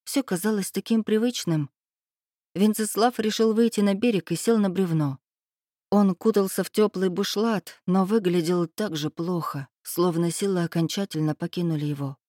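A woman reads a first-person fairy tale in an even, measured storytelling voice. Her tone sits a little low. The recording is dry and close, with no room sound. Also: dry recording. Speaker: audiobook narrator. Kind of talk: first-person scripted narration.

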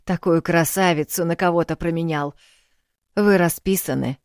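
Woman doing blunt elderly country landlady, higher and louder, folksy scolding. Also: fairly even intonation, moderate pace, no room sound, studio quality, lightly acted. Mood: indignant. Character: elderly village landlady, blunt, earthy, fussing.

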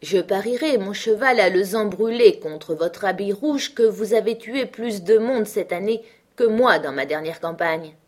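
A woman's voice: mid-range voice, measured pace, pitched above the performer's own voice, close to an everyday voice. A woman reading aloud, voicing an arrogant young male musketeer who sneers at commoners. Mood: haughty sneering. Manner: haughty, sneering.

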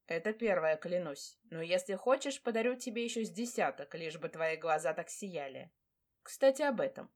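A woman voicing a proud, brooding male dragon lord who speaks tenderly to his fiancée, in a low, hushed tone. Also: expressive, moderate pace, natural voice.

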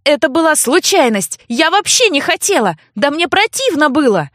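A woman reading an audiobook, voicing a hot-tempered young noblewoman with a shrill, indignant delivery. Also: animated, measured pace, no echo, clean studio sound. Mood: furious defiant. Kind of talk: audiobook character voice.

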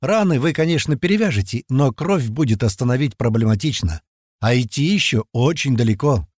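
A man voicing a calm, measured, somewhat timid heavyset man who reasons in an audiobook. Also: mid-range voice, no room sound, clean studio sound, natural voice. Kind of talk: audiobook character voice.

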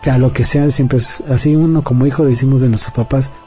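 A man's voice: medium pitch, steady tone, brisk, warm tone. A man giving an earnest personal testimony as an interview guest. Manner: earnest, confiding storyteller. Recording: dull lo-fi audio, faint music.

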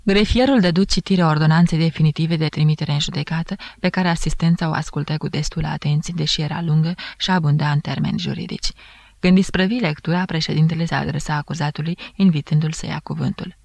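A woman narrating a novel aloud in a measured, even reading. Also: deep voice, creaky, no echo. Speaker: audiobook narrator. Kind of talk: scripted literary narration.

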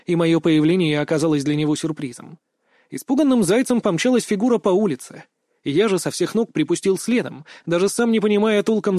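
A man narrating an audiobook in the first person, in a brisk storytelling manner. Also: high voice, darkish tone, dry recording, studio quality.

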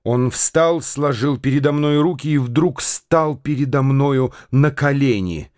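A man narrating a radio drama in a measured, literary storytelling manner. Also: mid-range voice, darkish tone, dry recording, clean studio sound.

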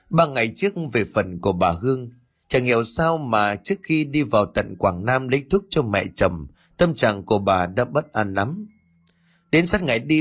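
A man narrating a ghost story in a dramatic, measured storytelling manner. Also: mid-range voice, breathy edge.

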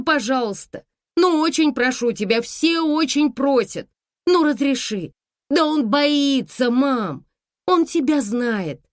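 A woman reading an audiobook voices a grown daughter who pleads rapidly and breathlessly over the phone. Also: high voice, no room sound, studio quality, pitched above the performer's own voice.

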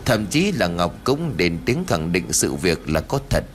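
A male narrator reads a horror audiobook with expressive, lively pitch. Faint music runs quietly behind his voice. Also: unhurried. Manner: expressive storytelling. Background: faint background music.

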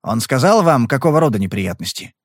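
A cool, persistent private detective who presses every question calmly and bluntly, read by a man. His voice is of middling pitch and sounds close and dry. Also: brisk, no room sound. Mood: probing. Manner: calm, probing, blunt.

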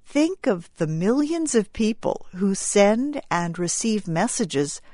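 A woman narrating a scripted news program, reading clearly and deliberately. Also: medium pitch, sing-song, dark tone, no echo, studio quality.

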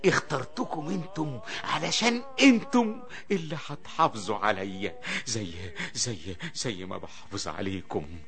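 Wildly swooping Egyptian miser, gleefully doting. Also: male voice, lowish voice, fairly bright tone, exaggerated voice. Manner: cackling, doting, theatrical. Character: gleeful old-style miser doting on his money.

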